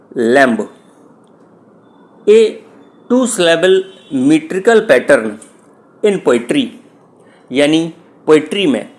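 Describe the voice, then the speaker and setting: A man teaching poetry, reading each English phrase slowly and then explaining it in Hindi, with an Indian English accent. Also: a little high. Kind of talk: slow bilingual lecture.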